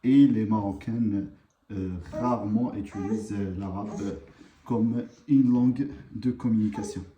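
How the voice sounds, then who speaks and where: A man teaching a live online language lesson, unhurried and hesitant, with many pauses and fillers. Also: lowish voice, fairly even intonation, dark tone, echoey room.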